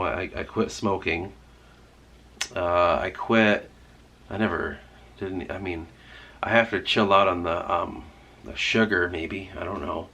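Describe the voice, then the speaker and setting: Congested man rambling in a low voice. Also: a bit bright. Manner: rambling, heavy swearing, many "like"s. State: congested, stuffy-nosed and sore-throated. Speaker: writer vlogging. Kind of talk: casual rambling vlog talk.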